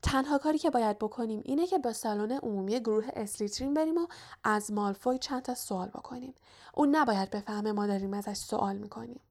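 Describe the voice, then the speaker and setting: Hermione: a hushed, clever schoolgirl witch voiced by a woman. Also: fairly high pitch. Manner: hushed, careful, knowing.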